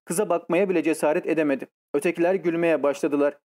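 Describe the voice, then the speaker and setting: A man reading an audiobook in scripted narration, telling the story in a measured, even way. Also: fairly high pitch.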